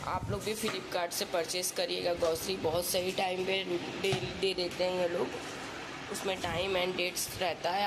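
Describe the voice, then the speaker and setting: A woman with a cold vlogging at home early in the morning, speaking softly and slowly so as not to wake anyone. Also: medium pitch. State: has a cold. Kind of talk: casual home vlog. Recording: noticeable background noise with vehicles.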